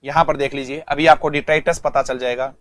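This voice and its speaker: A man's voice: medium pitch, fairly even intonation, fairly quick, no echo, studio quality. A male English teacher giving an online vocabulary lesson, speaking, repeating words and quizzing students.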